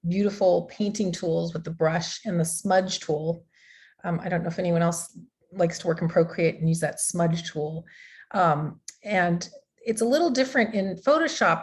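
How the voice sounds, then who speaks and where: Woman, digital art instructor, casual online workshop, chatty, lots of fillers, video call mic, mid pitch. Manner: chatty, loose, with many fillers and restarts. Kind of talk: live online workshop teaching.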